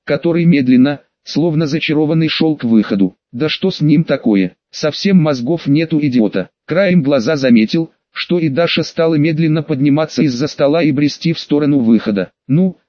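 A man's voice: on the high side, a little fast, hardly any pauses, darkish tone, no echo. Man narrating an audiobook, dry and muffled.

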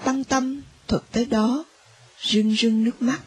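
A woman narrating a story in a soft, hushed way. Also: a little high, fairly even intonation, a little slow, loud music behind the voice.

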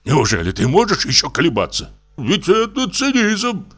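A man voicing a drunk, quick-tempered investigator in his sixties, blustering and shouting in a raised voice. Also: fairly high pitch, huge pitch swings, voice pushed up, heavily acted. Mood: indignant. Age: 60s.

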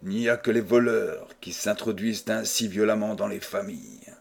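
A man playing a stern, husky old baron. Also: lowish voice, fairly even intonation, moderate pace. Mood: indignant. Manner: indignant, stiff and formal, then coldly businesslike. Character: stern proud old male baron, outraged.

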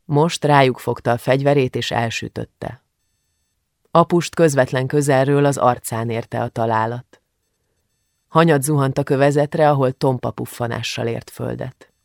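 Gravelly male audiobook narrator. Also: mid-range voice, steady tone, dry recording, studio quality. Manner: measured, grave reading.

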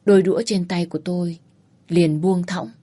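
A woman's voice: lowish voice, fairly even intonation, normal speed, warm tone. A woman reads a first-person drama in a hesitant, flustered manner. She moves between narration and her own character's anxious lines. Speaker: storyteller.

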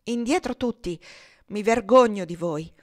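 A woman's voice: mid-range voice, steady tone, moderate pace, no room sound, natural voice. A woman voicing a young, vain, pompous male house servant who is haughty and fawning, in a dry storybook reading. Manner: haughty, self-important and fawning.

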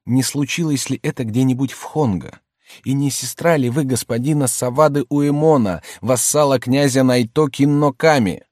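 A man voices an earnest young man reunited with his mother, speaking eagerly in a natural voice pitched above his own. The tone is medium-pitched and darkish at normal speed, with studio-quality sound and no echo.

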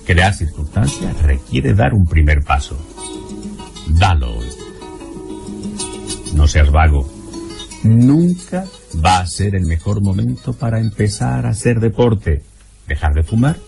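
A man giving a scripted, measured narration in a calm advising tone, with guitar music underneath. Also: low voice, gravelly.

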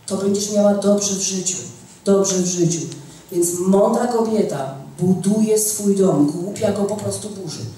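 Woman preaching to a church group, warm mellow voice, repeats her points a lot, echoey hall, mic far off. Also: mid-range voice, a little slow. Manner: emphatic, repeats key phrases, asks "tak?". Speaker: women's teacher. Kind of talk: church teaching. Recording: echoey room, mic far off, faint noise.

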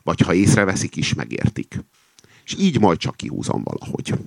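A man's voice: low-pitched, huge pitch swings, vocal fry, dry recording. A man reading satirical fiction aloud with commentary, in a dry, ironic storytelling manner. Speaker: reader and commentator.

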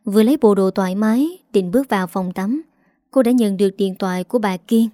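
Warm-voiced woman narrating a story. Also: medium pitch, brisk, no room sound, clean studio sound. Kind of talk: scripted audiobook narration.

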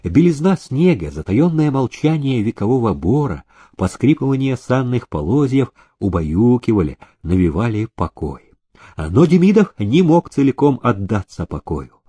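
Expressive male audiobook narrator, husky. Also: medium pitch, moderate pace, no room sound. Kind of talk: reading a historical novel aloud.

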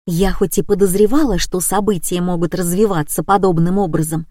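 A woman narrating a story in the first person with an even, plain delivery on a close mic. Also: fairly low pitch, a little fast, no echo. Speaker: audiobook narrator.

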